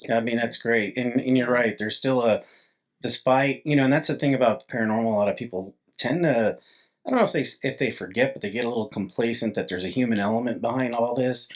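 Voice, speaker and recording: A man's voice: mid-range voice, fast talker. Casual male interviewer with mid-range voice. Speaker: interview host.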